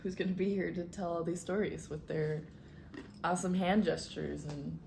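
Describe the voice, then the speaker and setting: A woman's voice: lowish voice, steady tone, moderate pace, gravelly, a little mellow, a little hiss or hum. A young woman with an Iowa accent, teasing and giggling in a casual chat with a bandmate. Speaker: college band member.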